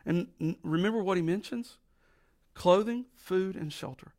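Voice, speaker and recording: A middle-aged pastor, raspy from allergies, preaches a folksy, emphatic sermon, drawing out his stresses slowly. His voice is high with a darkish tone.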